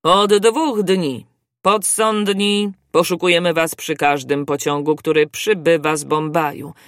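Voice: mid-range voice, steady tone, a little slow, fairly bright tone, no room sound, clean studio sound. A reader voicing a fussy male colonial judge in an audiobook, speaking in a raised, emphatic way. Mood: stern.

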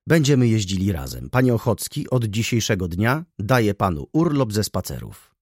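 Figure: sharp-tongued young widow voiced by a man. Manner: teasing, imperious, husky. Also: lowish voice, sing-song, moderate pace, dry recording, clean studio sound. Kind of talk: audiobook character voice.

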